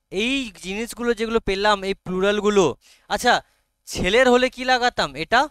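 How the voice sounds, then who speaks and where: A man's voice: sits high, fairly bright tone, clean tone, dry recording, studio quality. A man with a Bengali accent teaching a grammar lesson to a class, often stopping to check that students follow. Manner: frequent check-ins with students.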